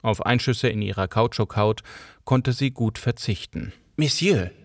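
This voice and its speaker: A man narrating an audiobook in a steady, even storytelling manner, close to the microphone. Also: on the low side, unhurried, no room sound.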